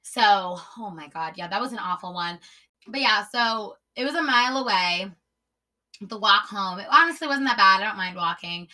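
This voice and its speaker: A woman's voice: medium pitch, expressive, normal speed, sharp tone. A young woman hosting a podcast, telling stories in a blunt, casual way, swearing freely and filling her talk with "like.". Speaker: podcast host. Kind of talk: casual storytelling monologue.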